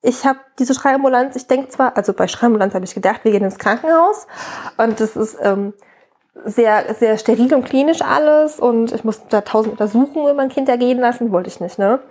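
A fairly high-voiced woman in her thirties speaks candidly as an interview guest. She talks in a loose, conversational flow, often tagging her sentences with a quick question and restarting her phrases. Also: a little mellow, husky. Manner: candid, frequent "ne?" tags, many restarts. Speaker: guest, mother of a colicky baby.

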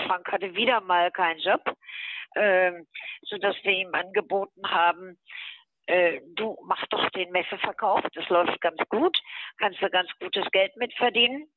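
An older woman telling a story in a blunt, chatty way as an interview guest, with lots of fillers and little tag questions. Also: fairly low pitch. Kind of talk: recounting memories in a podcast interview. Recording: tinny phone line, dry.

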